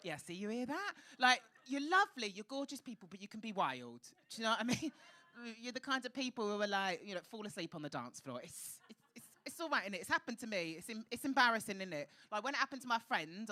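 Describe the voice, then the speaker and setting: A man with a high-pitched voice hosting a live stand-up night, teasing the crowd with cheeky, camp, sweary banter on a comedy club stage. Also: bright, forceful tone. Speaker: comedy host.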